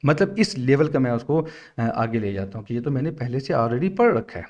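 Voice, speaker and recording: A patient male Quran teacher, a native Urdu speaker, explaining letter shapes to other teachers in a middle-pitched voice. He drags out the syllables as he spells. The talk is instructional and steady. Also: moderate pace, lo-fi sound.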